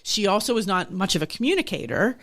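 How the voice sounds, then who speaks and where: Middle-aged woman with a gravelly voice. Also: medium pitch, sing-song, quick pace, a bit bright. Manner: reflective, candid storytelling with frequent restarts. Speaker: nonprofit executive director, podcast guest. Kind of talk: conversational interview.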